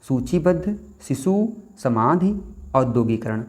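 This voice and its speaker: A man's voice: mid-range voice, very animated, slow pace, darkish tone. A young man teaching a Hindi exam-prep lesson in a casual, explanatory way, repeating words and putting questions to his students. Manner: repeats words and asks the class questions, slipping in "theek hai".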